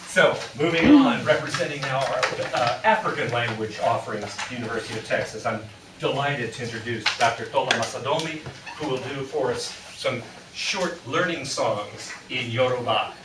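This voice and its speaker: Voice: medium pitch, lively intonation, normal speed. A host introducing performers at a university event, polite and apologetic when the equipment fails. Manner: polite, apologetic about tech trouble. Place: university lecture hall. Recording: far from the mic, echoey, loud room noise.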